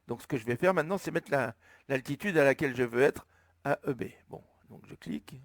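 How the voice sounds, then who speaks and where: Man, French accent, tutorial narration, thinking aloud, dry close sound, mid pitch. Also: no room sound. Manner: slow step-by-step explaining, thinking aloud. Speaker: flight sim tutorial maker. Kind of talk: screen-recorded tutorial narration.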